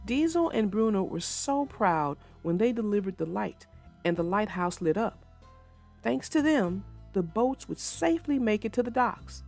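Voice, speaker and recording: Speaking at a measured pace in a mid-range, expressive voice with vocal fry and a darkish tone, this female narrator and host reads and chats theatrically for young children. She addresses her young readers directly while faint music plays behind her.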